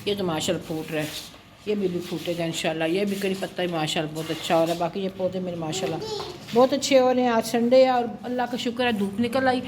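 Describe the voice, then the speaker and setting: A woman's voice: mid-range voice, steady tone, quick pace, noisy background. A middle-aged woman chatting through a casual home vlog in her kitchen, her voice a little heavy from a sore throat. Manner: chatty, homely, with frequent religious phrases. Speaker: cooking and home vlogger.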